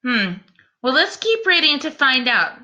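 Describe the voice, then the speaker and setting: A teacher with a bright, animated voice that sits high reads a picture book aloud to children. She is expressive and deliberate, speaking straight to her young audience and asking them questions along the way.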